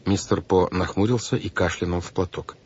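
Male audiobook narrator, husky, dull lo-fi recording. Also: sits low, fairly even intonation, a little fast, a little mellow. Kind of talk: scripted narration.

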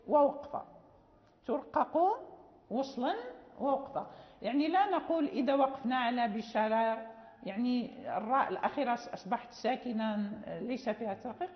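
Woman teacher lecturing a class, keeps checking they follow, lots of fillers, long reverb in the room. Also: high-pitched. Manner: patient explaining, often checks understanding; many fillers and restarts. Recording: dull lo-fi audio with long reverb.

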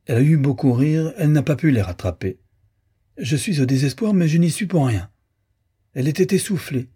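A man's voice: fairly high pitch, lively intonation, brisk, mellow, slightly rough, pitched above the performer's own voice. Man doing an affected, grown-up-sounding girl. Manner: affected, studied intonation. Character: precocious girl aping worldly grown-up manners.

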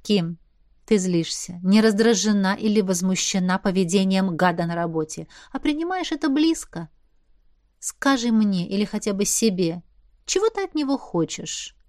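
A woman's voice: mid-range voice, expressive, moderate pace, a little mellow, no echo, studio quality, close to an everyday voice. A woman voicing a young werewolf woman who playfully teases her friend. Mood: teasing. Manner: playful, prodding, amused.

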